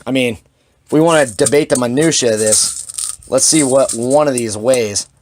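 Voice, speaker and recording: A man's voice: medium pitch, moderate pace, a little hiss or hum. A man walking through a hands-on equipment demonstration, talking plainly with dry sarcastic asides. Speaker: shotgun reloading demonstrator.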